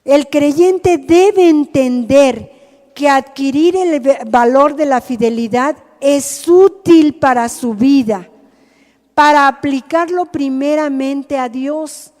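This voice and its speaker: Slow high-voiced Mexican woman preaching. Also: a little mellow. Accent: Mexican Spanish. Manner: asks the group questions. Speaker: teacher at a rehab ministry. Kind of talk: sermon to a group. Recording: hall reverb.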